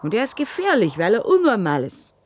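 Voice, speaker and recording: A woman playing a calculating village widow in a radio play, speaking in a flat, plotting way. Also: on the high side, a little fast. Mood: scheming. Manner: matter-of-fact, plotting.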